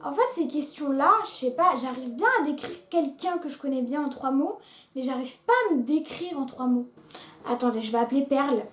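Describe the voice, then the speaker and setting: A teenage girl with a high voice, chatting to her viewers in a relaxed vlog and hesitating often with fillers. She talks in an echoey room. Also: brisk. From France. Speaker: YouTuber. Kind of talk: casual vlog chat.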